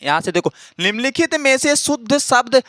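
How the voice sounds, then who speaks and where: A man's voice: extremely high pitch, big pitch swings, moderate pace, bright, forceful tone, no room sound. A man teaching an exam-prep Hindi grammar lesson, repeating points and often checking that students follow. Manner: repetitive, checks understanding often. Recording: dry close recording.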